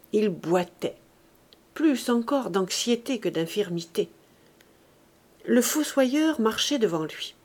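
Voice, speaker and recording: A woman reads a classic novel as an audiobook. Her pace is slow and unhurried, her voice mid-pitched, and her phrasing measured and expressive. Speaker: audiobook narrator.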